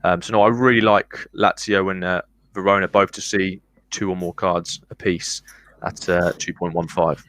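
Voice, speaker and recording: A man's voice: low-pitched, steady tone, moderate pace, a bit bright. A man giving betting analysis on a live stream, methodical, full of ums and statistics. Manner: methodical, lots of ums, reels off stats. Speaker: guest analyst.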